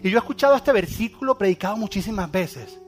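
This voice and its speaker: A man preaching a sermon, dramatic, going from loud emphatic lines to hushed near-whispers. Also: sits high, expressive, quick pace, faint music behind.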